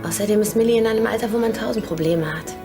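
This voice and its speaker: An actress playing a caring, insistent confidante in a TV drama, speaking earnestly and practically. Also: female voice, fairly high pitch, racing, natural voice. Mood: reassuring. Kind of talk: TV drama acting. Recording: clear music bed under dialogue.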